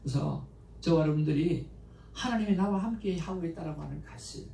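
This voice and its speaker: A man, a pastor, giving a conversational Sunday sermon in a church, mixing stories with animated pleas to God. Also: on the high side, fairly quick, gravelly. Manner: conversational, anecdotal preaching with animated emotional quotes. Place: church sanctuary. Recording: echoey church room, mic at a distance, faint background noise.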